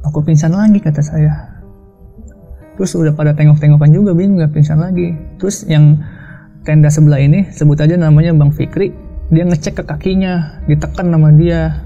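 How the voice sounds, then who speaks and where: A man telling a story of his own in a casual, hushed, halting way, often quoting himself and others. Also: on the high side, steady tone, gravelly. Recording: dull lo-fi sound with faint music.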